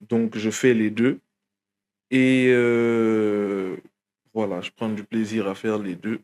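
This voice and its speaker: A man's voice: fairly low pitch, little pitch movement, slow, a little mellow. A young man from Guinea, a rapper, talking casually in an interview with many fillers and restarts. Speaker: rapper guest.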